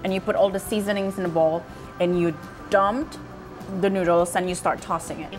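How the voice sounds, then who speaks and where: A woman's voice: lowish voice, steady tone, a little fast, soft background music. Chatty woman explaining dishes. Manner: explains dishes eagerly, many likes. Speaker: co-host, guest. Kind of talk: casual food vlog chat. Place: small casual eatery, indoors. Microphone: lapel mic.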